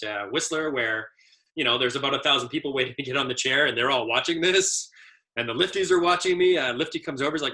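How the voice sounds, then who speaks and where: Bright-voiced man giving ski training talk. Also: mid-range voice. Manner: easygoing storyteller with many fillers. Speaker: adaptive ski instructor trainer. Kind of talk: casual training presentation.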